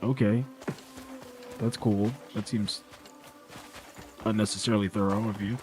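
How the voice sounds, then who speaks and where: A man's voice: lowish voice, little pitch movement, a little slow, music in the background. A man streaming a game, making dry, sarcastic remarks at what happens on screen. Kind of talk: casual gameplay chat.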